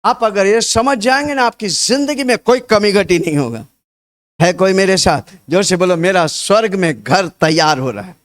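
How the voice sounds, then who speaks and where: A man's voice: sits high, animated, moderate pace. A man preaching a sermon. He tells stories with lots of repetition and rouses the congregation, urging them to repeat his words back. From India. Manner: rousing call-and-response, urging the congregation to repeat; storytelling with repetition.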